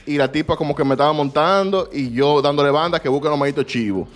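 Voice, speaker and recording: A man's voice: fairly high pitch, quick pace. Slangy storytelling man. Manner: rambling, slangy, laughing storyteller. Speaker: podcast co-host. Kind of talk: casual storytelling chat.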